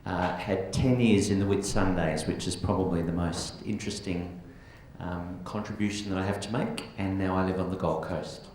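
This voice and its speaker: A man's voice: sits low, steady tone, moderate pace, hardly any pauses, a little mellow, a little hiss or hum. A man introducing himself plainly on a panel. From Australia. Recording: echoey hall.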